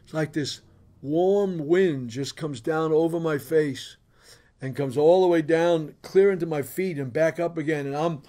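A middle-aged man, a bishop, telling his testimony in an animated, boisterous storytelling manner. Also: a little high, unhurried.

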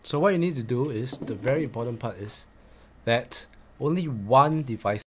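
Presenting a motorcycle gear tutorial, this forties-aged man sounds animated at a normal speed in a mid-range voice. He explains each step plainly and repeats the important points, with a faint hiss or hum in the audio.

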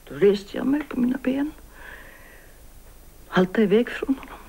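Older woman in her 60s, bitter and guilt-ridden, hushed and halting, husky and gravelly voice, TV drama. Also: a little high, lively intonation, full character voice. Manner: hushed, halting, often whispered confession. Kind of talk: 1990s Swedish TV drama acting.

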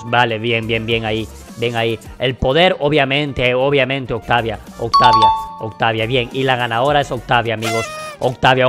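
A man reacting to a video game in casual, excitable commentary that he talks straight to his viewers. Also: medium pitch. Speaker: gaming video creator.

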